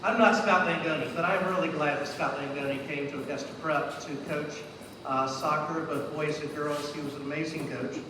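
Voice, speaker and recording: A man's voice: fairly high pitch, steady tone, normal speed. Joking man reading an induction speech. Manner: joking, stumbling while reading. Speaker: ceremony presenter. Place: event hall indoors. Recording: echoey hall from far off, noisy.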